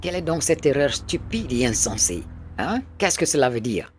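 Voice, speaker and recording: A man's voice: mid-range voice, big pitch swings, normal speed, slight background noise, close to an everyday voice. A man dubbing a stern, domineering man who gives curt orders in a film. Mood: furious. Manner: commanding, curt. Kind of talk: French film dub.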